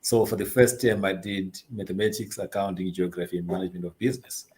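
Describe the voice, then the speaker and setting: Low-pitched and darkish, the voice moves quickly with a flat delivery. It belongs to a middle-aged Zimbabwean CEO of an investment advisory firm, interviewed as a guest. He narrates his story hesitantly and conversationally, filling gaps with ums and uhs and laughing readily.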